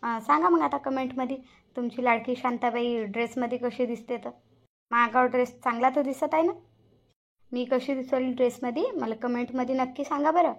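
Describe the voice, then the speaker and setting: A woman's voice: sits high, steady tone, normal speed. A woman voicing a touchy elderly village woman in a cartoon, indignant and scolding. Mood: chatty. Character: touchy elderly village woman Shantabai, proud of her dress. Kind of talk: cartoon voice acting.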